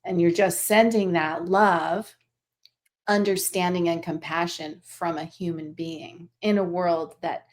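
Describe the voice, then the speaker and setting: Gentle, rambling woman teacher, low voice. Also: fairly even intonation, unhurried. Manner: gentle, meandering, with fillers and restarts. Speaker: animal Reiki teacher. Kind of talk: teaching talk to students.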